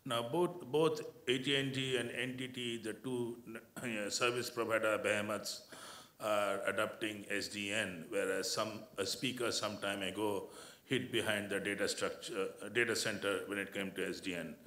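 A man's voice: lowish voice, fairly even intonation, normal speed, bright, forceful tone. A man in the audience of a large conference hall asking an earnest question, rephrasing as he goes. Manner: earnest, searching for words. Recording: roomy hall sound.

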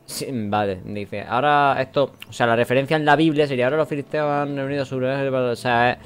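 A man with a Spain Spanish accent giving casual let's-play commentary, chatty and mumbling his asides, with bursts of shouting. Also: mid-range voice, steady tone, a little fast, clear, resonant tone. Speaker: gaming host.

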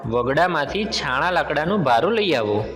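A man's voice: fairly high pitch, expressive, moderate pace, a bit bright, in a large hall, faint music behind, low-quality recording. A man playing a cruel scolding sister-in-law. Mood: harsh threatening. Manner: threatening, scolding. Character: cruel scheming sister-in-law woman, harsh and threatening.

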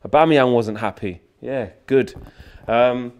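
A fan channel host, handheld mic in hand, leads a chatty, joking vlog walkthrough of an empty stadium dressing room and corridor indoors. His mid-range voice is smooth and a little mellow, and he talks at a slow pace, with the large hall around him.

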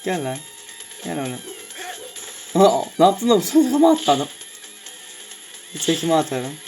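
A young man casually commenting on a fighting game as he plays, often shouting in surprise and swearing. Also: on the high side, sing-song, a little slow, background noise. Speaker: gameplay streamer. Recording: music clearly heard behind.

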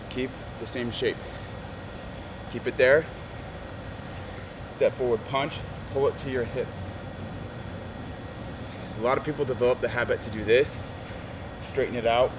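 A middle-aged man speaking as a martial arts instructor, giving short step-by-step commands outdoors, recorded from a few metres away. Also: medium pitch. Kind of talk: taekwondo lesson, demonstrating and instructing. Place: outdoors in a garden. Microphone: camera a few metres away. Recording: noisy outdoor audio from a distant camera.

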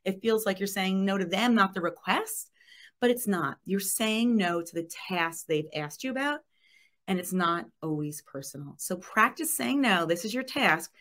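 A middle-aged woman giving a lively webinar presentation, reading out chat comments. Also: mid-range voice, moderate pace. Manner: lively, reads chat comments aloud with laughs.

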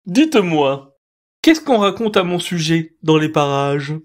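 A man voicing a vain, pompous male owl in a storybook tale, speaking in a drawn-out, wheedling way. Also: on the high side, very animated, voice pushed up.

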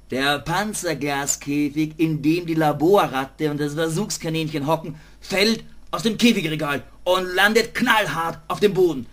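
A man's voice: sits high, fairly bright tone. A man narrating a comic animal sketch in plain storytelling style.

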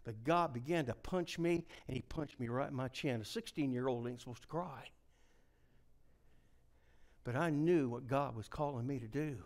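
A middle-aged man preaching a revival sermon, telling folksy stories and swinging from hushed near-whispers to shouted climaxes. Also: medium pitch, moderate pace.

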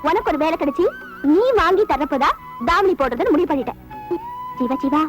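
A woman's voice: sits high, animated, a little fast, over music. A woman speaking film comedy dialogue in a teasing, scolding way.

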